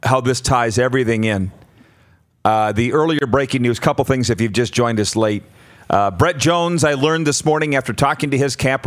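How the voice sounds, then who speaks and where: A middle-aged man with a Canadian accent, hosting a casual sports talk show. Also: mid-range voice.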